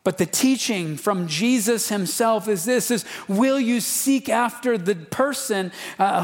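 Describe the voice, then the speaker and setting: A man preaching a sermon as a pastor, casual and fervent, with slangy asides. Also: on the high side. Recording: long reverb of a large hall.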